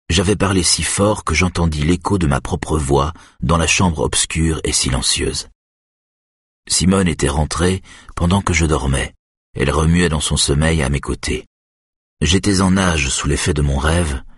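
A man narrating a literary novel in the first person, with a calm, measured reading. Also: extremely low pitch, slightly rough, dry recording, clean studio sound. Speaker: audiobook narrator.

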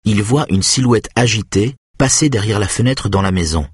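A man narrating a suspense audiobook in a measured, tense way. His low voice is husky and breathy, and the recording is close and entirely dry, with no room sound. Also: animated, dry recording.

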